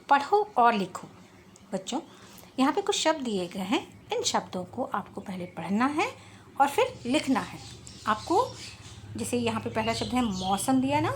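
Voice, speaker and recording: A woman teacher slowly and patiently explaining Hindi exercises to children, repeating each question and answer. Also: mid-range voice, slight background noise. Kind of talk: classroom-style lesson explaining Hindi exercises.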